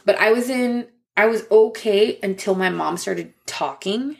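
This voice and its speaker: A woman's voice: medium pitch, unhurried, vocal fry. Young woman co-host, casual storyteller, giggly and full of fillers. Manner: chatty, laughs often, many likes and ums. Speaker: podcast co-host.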